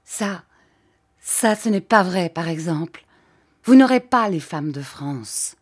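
A woman's voice: fairly low pitch, lively intonation, unhurried, darkish tone, no echo, studio quality. A woman voicing a fierce young woman who answers with vehement, defiant anger. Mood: indignant defiance.

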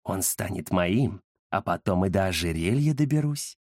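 Storybook ghost, as a man puts him on, hoarse, sepulchral, low, slow and threatening, dry sound. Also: animated, darkish tone, no room sound. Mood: sinister. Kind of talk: audiobook character voicing.

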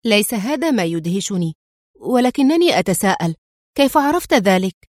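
A woman's voice: medium pitch, animated, quick pace, no room sound, close to an everyday voice. Worried young woman agent, voiced by a woman reader, doubtful and a bit agitated, dry sound. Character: anxious young female agent.

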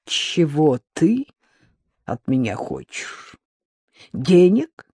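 A shrill older mother who screeches abuse and panic down the phone, as a reader puts her on. Her voice leaps high into squeals and keeps swinging wildly in pitch. The reading is dry and close-miked. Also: expressive, unhurried, dry recording. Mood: cold restrained. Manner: shrieking, accusing. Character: shrill, hostile older mother of a grown son.

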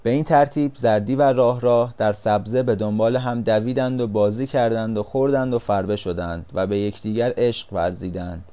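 A man narrating a storybook as an audiobook, reading in an even, steady way. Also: lowish voice, few pauses.

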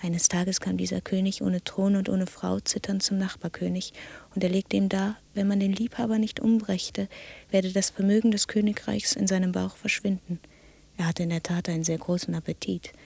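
An actress narrating a grim fairy tale in a radio play, hushed and often half-whispered. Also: female voice, mid-range voice, level tone, moderate pace, vocal fry, husky. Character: storyteller woman reciting a grim fairy tale. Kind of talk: scripted narration.

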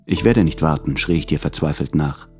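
Low-voiced, stubborn anxious man. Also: a little fast. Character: anxious man who refuses to travel to his lover. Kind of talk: radio play acting.

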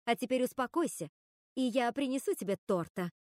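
A woman's voice: a little high, lively intonation, a little fast, dry recording, studio quality, lightly acted. A woman voicing a nervous witch sister who pleads and apologizes. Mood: pleading. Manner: anxious, pleading.

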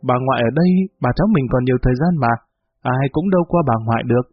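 A man voicing a cheeky, sly young boy who coaxes his grandmother, husky voice, tinny recording. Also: medium pitch, rapid-fire, no room sound, close to an everyday voice. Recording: tinny phone-like, faint music.

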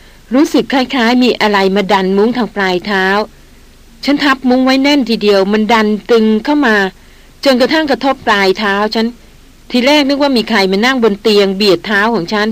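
A frightened young noblewoman, as a woman narrator puts her on, her voice trembling as she tells what happened. The pitch rises a little above the reader's usual tone. She is a figure in a read-aloud adventure story. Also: normal speed, close to an everyday voice. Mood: shaken. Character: young noblewoman, shaken but steady huntress.

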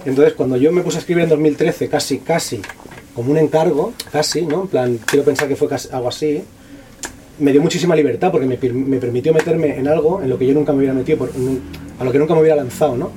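Man, author at a bookshop event. Rapid, slangy and profane, with a fairly high, mellow voice, picked up from across the room. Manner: fast, slangy and profane, with many restarts. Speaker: author presenting his book. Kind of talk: casual talk at a book presentation. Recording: distant voice with faint room noise.

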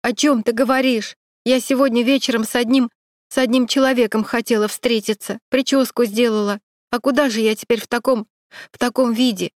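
A woman's voice: fairly even intonation, a little fast, dry recording, clean studio sound, lightly acted. A woman voicing a young woman who has just been attacked, talking through sobs in a raised, strained voice. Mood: tearful. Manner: sobbing, high and strained. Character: tearful young woman, shaken after an attack.

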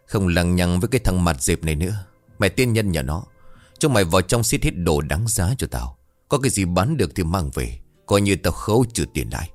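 A man's voice: sits low, very animated, brisk, faint music behind. A man voicing a greedy, harsh old village money-lender who talks down to the poor in a scornful, threatening way.

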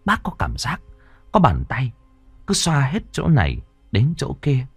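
A man's voice: mid-range voice, wildly swooping pitch, unhurried, breathy edge, no room sound. A man narrating a ghost story in a dramatic storytelling manner. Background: faint music.

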